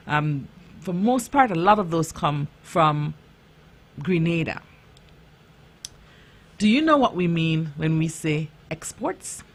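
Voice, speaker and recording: A woman speaking as a kids' show host, teaching children in simple phrases and checking in with questions. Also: fairly low pitch.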